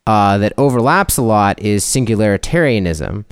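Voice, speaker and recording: Smooth, lowish-voiced male podcast co-host. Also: animated, normal speed. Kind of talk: conversational discussion.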